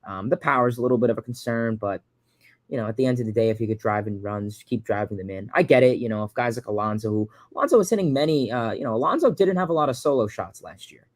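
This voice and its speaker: A livestream host in his early twenties from Long Island, New York, answers viewer questions casually, rambling, repeating words, and using lots of fillers. His voice is mid-range and quick, with no room sound.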